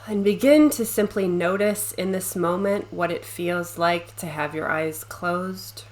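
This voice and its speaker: A woman with a fairly low voice leads a guided meditation. She speaks gently and soothingly, leaving long pauses between short phrases.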